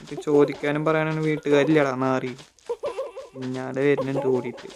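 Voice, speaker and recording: A young man from Kerala, giving excitable casual commentary as a gaming YouTuber, shouting at the game and talking to viewers. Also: mid-range voice, moderate pace, noisy background.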